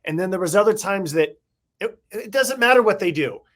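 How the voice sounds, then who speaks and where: A middle-aged man talks at an easy conversational pace, looking back on old memories. His voice sits a little high for a man. He tells his stories casually and reflectively, with long anecdotes. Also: expressive, fairly bright tone. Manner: reflective, nostalgic, drawn-out anecdotes. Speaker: podcast co-host, former baseball beat writer.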